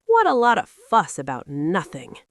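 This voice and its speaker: A woman's voice: on the low side, huge pitch swings, moderate pace. A woman voicing a grumpy, scornful male rat in a storybook, muttering sourly. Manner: muttering, sour. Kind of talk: storybook character reading.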